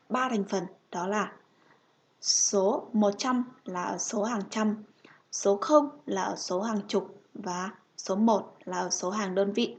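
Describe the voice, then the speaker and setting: A woman with a Vietnamese accent teaching a language lesson, saying each number twice, slowly and clearly. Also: mid-range voice. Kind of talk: slow, repetitive counting lesson.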